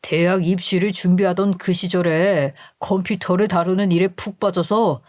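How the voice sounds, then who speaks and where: A woman's voice: on the low side, steady tone, normal speed, a little mellow, dry recording, studio quality, lightly acted. A woman voicing a young husband who defends his wife against his mother in a radio story. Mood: indignant. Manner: pleading then indignant.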